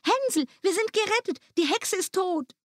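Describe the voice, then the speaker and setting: A woman voicing a frightened young girl in a storybook reading, with a high, pleading voice. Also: animated, a little slow, fairly bright tone, dry recording, clean studio sound, heavily acted. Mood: joyful.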